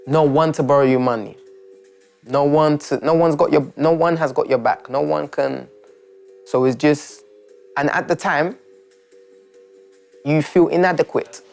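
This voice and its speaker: A young man from Turkey, telling his life story in a documentary interview, reflective and halting with many restarts. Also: fairly high pitch, steady tone, vocal fry, darkish tone, faint music behind.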